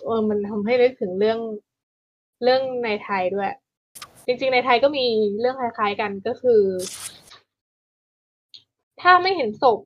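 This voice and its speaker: A woman's voice: fairly high pitch, unhurried, pauses often, highs cut off. A woman co-hosting a casual podcast chat, talking things through, often restarting and repeating words as she explains. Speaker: podcast co-host.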